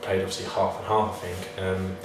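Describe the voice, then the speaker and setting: His voice sits low and stays level as he talks fairly quickly. A football player in a casual interview, he responds tentatively and self-deprecatingly, playing things down. Heavy room echo, a distant microphone and faint noise mark the recording.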